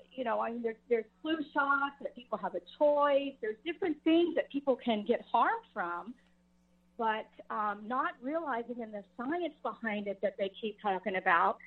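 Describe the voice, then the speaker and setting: An older woman, a grandmother, calling in to a radio talk show over the phone, talking earnestly and rambling with frequent restarts. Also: on the high side. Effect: heard over the phone. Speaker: caller. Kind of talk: call-in radio chat. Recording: tinny phone line.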